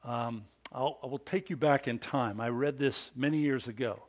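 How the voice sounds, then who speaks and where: Preaching to fathers, a pastor in his fifties calls on the congregation for amens with a big, animated style. He has a medium-pitched voice and keeps a moderate pace.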